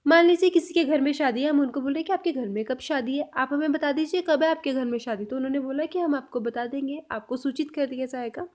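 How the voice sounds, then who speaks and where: High-voiced woman teaching phrases slowly. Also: darkish tone. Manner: repeats each example sentence slowly, then explains it. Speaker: language teacher. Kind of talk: spoken language lesson.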